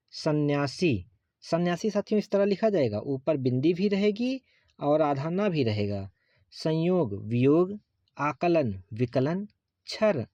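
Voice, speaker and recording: Male exam-prep teacher, slow and deliberate, reciting word pairs in a slightly high voice; dry, muffled recording. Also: a little mellow, no room sound. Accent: Hindi. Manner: slow, deliberate drilling of word lists, addressing students as friends.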